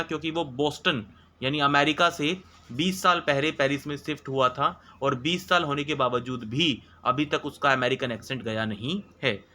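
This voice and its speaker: A man teaching a textbook chapter. He reads English lines slowly, then explains each one at length and checks in often with filler words. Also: a little high, sharp tone.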